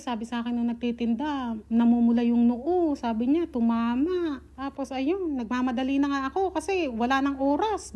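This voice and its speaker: High-pitched young woman from the philippines telling a story to her viewers, animated, acts out what people said. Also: highs cut off.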